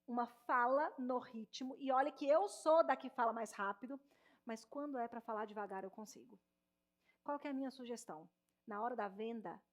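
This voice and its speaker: A woman with a high, bright voice is teaching public speaking from a stage. She keeps it lively and playful and keeps asking the audience questions. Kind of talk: live talk to an audience. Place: event stage before a live audience.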